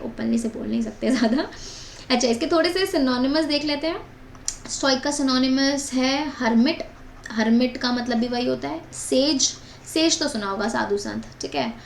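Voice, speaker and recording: A woman's voice: fairly high pitch, creaky. Chatty young woman teaching vocabulary. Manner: chatty, explains with repetitions and asides. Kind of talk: vocabulary lesson in mixed Hindi and English. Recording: echoey room with faint noise.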